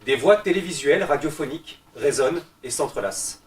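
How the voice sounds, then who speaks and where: Man calmly reading stage directions. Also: on the high side, a little fast. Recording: roomy, distant mic, faint noise.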